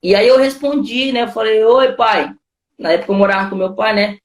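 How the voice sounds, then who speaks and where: A man's voice: sits high, a little fast, reverberant. Brazilian pastor telling his story casually. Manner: informal storytelling, constant "cara" and "né" fillers. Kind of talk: casual testimony conversation.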